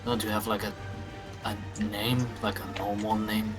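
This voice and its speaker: A man playing a tabletop role-playing game, bantering casually in and out of character in a blunt, halting, joking way. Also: lowish voice, level tone, soft background music.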